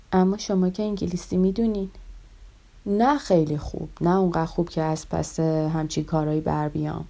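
A woman reading a novel aloud, voicing the dialogue in a soft, intimate storytelling manner. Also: lowish voice, vocal fry. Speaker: audiobook reader.

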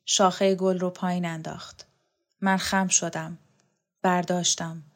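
A woman reading a novel aloud, voicing a devoted, wistful man who recalls the past in a soft, dreamy way. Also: on the low side, little pitch movement, close to an everyday voice. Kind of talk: audiobook character reading.

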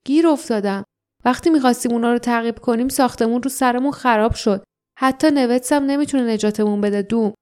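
A trapped young man calls out in a hurried, strained voice, as a woman reads him. The pitch sits a little higher than hers, with a warm tone. It is a storybook reading. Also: clear, resonant tone, close to an everyday voice.

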